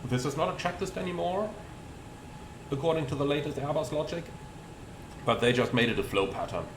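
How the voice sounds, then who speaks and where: A fairly quick man with a slightly high voice presents a flight simulator as its pilot, explaining procedures and reading back radio calls. The sound is roomy, with cockpit noise running steadily behind him.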